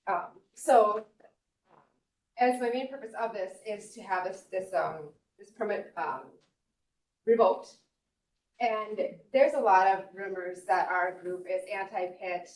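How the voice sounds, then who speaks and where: A woman from Minnesota giving formal public testimony at a hearing, earnest and apologetic, with many pauses and ums. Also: mid-range voice. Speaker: appellant speaking at a public hearing. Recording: echoey hall, distant mic, faint noise.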